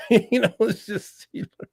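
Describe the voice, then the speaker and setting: A man's voice: a little slow, darkish tone, no room sound, clean studio sound. A man co-hosting a casual sports debate, joking in a folksy, colloquial way. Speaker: sports show co-host.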